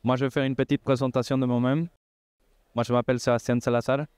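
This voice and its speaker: A man's voice: mid-range voice, little pitch movement, fast talker, darkish tone, clean tone, no room sound. A man in his twenties from Costa Rica, demonstrating a product in a casual way and often saying filler words. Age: 20s. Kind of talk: casual demo talk.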